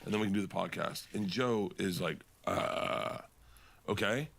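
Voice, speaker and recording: A comedian telling stories in casual podcast chat, rambling and animated, laughing and swearing as he goes. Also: low-pitched, quick pace, gravelly. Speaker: comedian guest.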